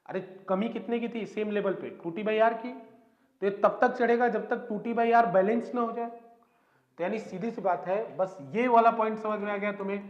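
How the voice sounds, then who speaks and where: High-voiced man teaching in an echoey room. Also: steady tone, normal speed. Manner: explains step by step, keeps asking students questions. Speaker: physics teacher. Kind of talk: classroom lecture. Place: classroom. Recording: echoey room, dull lo-fi sound.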